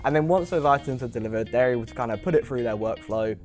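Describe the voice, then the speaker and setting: Man, casual vlog host, chatty and informal, mid-pitched voice, faint music behind. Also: fast talker, a little mellow. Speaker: host, online seller interviewing prep centre staff. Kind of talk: casual interview and vlog narration.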